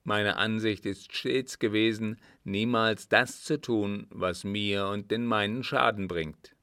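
Cold wary older sheik, read by a man, smooth clear voice, slow, measured. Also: on the low side, steady tone, sharp tone, dry recording, studio quality, heavily acted. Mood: cool. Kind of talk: audiobook reading.

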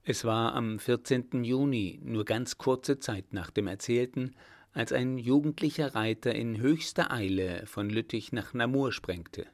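A man reading a historical novel aloud as narrator, in a measured, even storytelling manner. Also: medium pitch, dry recording, clean studio sound. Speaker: audiobook narrator. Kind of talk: scripted narration.

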